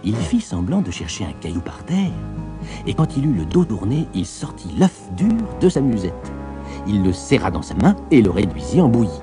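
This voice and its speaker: A man narrating a storybook tale in an expressive, lilting way. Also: lowish voice, normal speed, over music.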